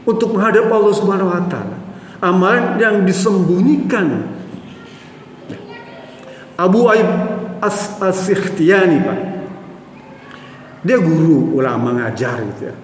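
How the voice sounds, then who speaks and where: A preacher delivers an Islamic sermon through storytelling, often addressing listeners as "Pak" and acting out quotes. His voice is high-pitched and sing-song, unhurried with long pauses, and the recording has a little hiss or hum in an echoey hall with faint ambience.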